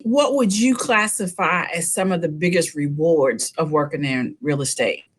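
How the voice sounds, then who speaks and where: A woman's voice: sits low, normal speed. A woman interviewing a guest, asking questions in a friendly, affirming way. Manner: friendly, affirming with short replies.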